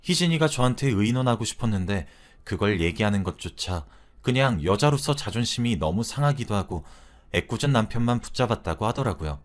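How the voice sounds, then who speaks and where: A man's voice: fairly low pitch, lively intonation, brisk. A man narrating a wife's real-life story in a chatty, confiding storyteller's manner. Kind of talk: scripted narration of a listener's story.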